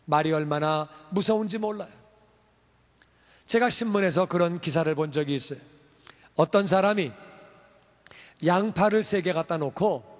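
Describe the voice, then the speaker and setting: A man preaching in a church with a high voice, animated, acting out the voices in his stories. His words carry a long reverb through the large hall. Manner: animated storytelling, acts out scolding and praising voices. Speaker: pastor. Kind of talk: sermon. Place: church sanctuary.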